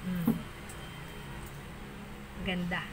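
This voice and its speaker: A woman chatting casually on a live-stream while selling stones and amulets, animated and mocking. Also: lowish voice, drawn-out words. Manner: animated and mocking, with frequent laughter. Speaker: online seller of stones and amulets. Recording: noisy background.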